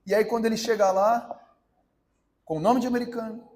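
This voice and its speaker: A man's voice: high voice, steady tone, fairly quick, a little mellow. A man with a Brazilian Portuguese accent preaching a sermon, telling a story and urging his listeners directly.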